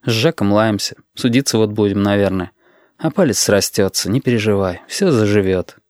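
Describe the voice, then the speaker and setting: A male audiobook narrator reads a scripted passage in a measured, even storytelling style. His voice sits on the low side, and the recording is dry with clean studio sound.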